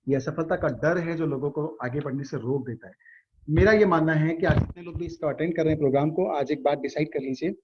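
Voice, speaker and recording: Husky-voiced man coaching on a call. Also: on the high side, fast, darkish tone. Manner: earnest, coaching, asks rhetorical questions. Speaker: motivational trainer. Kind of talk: online workshop talk. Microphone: video call. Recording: dull video-call audio.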